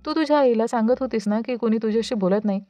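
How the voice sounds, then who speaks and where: A woman's voice: fairly high pitch, quick pace, mellow, no echo, soft background music, lightly acted. A woman voicing a reassuring older woman of the household with a soothing manner.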